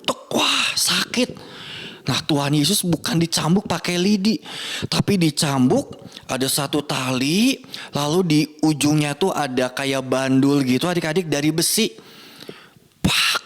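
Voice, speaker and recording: A young man teaching children in church, telling a Bible story in an animated, playful way and asking the kids questions. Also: on the high side, moderate pace.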